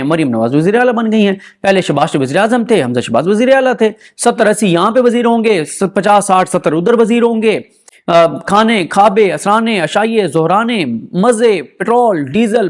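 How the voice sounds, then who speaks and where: A man giving a sarcastic, argumentative political commentary full of rhetorical questions. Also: high voice.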